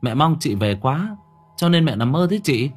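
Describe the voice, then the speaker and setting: A man voicing a young village son who talks in a hurried, questioning way. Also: a little high, big pitch swings, slightly rough, voice pushed up. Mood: puzzled. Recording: faint music underneath.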